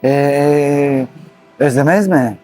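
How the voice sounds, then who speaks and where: A middle-aged man from Istanbul, speaking halting, slightly broken in a casual street interview. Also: fairly high pitch, darkish tone, soft background music. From Istanbul, Turkey. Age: middle-aged to 60s.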